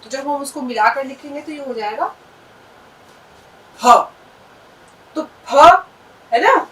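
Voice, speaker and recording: A woman's voice: sits high, takes it slowly, a bit bright, far from the mic, a little hiss or hum, low-quality recording. A woman teaching an Urdu lesson, patiently sounding out letters and words and checking in with her listeners. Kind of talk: language lesson.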